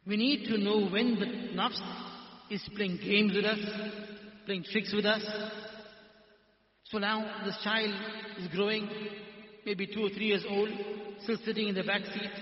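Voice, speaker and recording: A man's voice: steady tone, a little slow, long pauses. A man giving a sermon and telling a parable, lifting his voice for emphasis. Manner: storytelling, rising pitch for emphasis. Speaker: preacher. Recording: echoey hall, dull sound.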